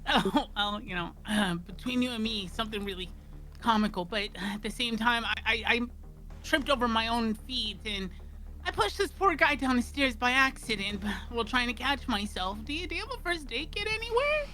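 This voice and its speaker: A woman's voice: fairly high pitch, expressive, normal speed, bright, forceful tone. A woman voicing a flustered, clumsy character who stammers and apologizes.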